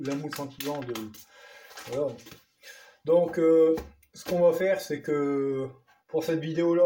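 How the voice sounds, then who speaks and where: A man with a northern French accent, chatting through an unboxing vlog, excited and stumbling over his words. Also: mid-range voice. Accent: Ch'ti. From northern France. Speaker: vlogger.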